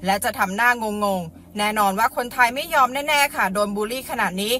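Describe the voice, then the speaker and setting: A woman news presenter reading a scripted report in a crisp, formal, polite manner. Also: fairly high pitch, brisk, pushed and bright.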